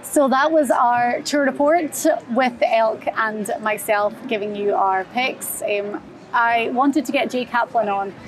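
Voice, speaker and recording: A woman's voice: on the high side, slow, slight background noise, poor audio. A woman presenting a sports show as host in a casual, chatty style.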